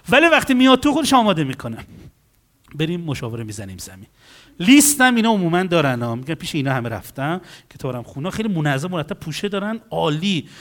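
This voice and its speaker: Lively, high-pitched male counselor. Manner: animated storytelling, acts out dialogues. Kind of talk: talk on client stories.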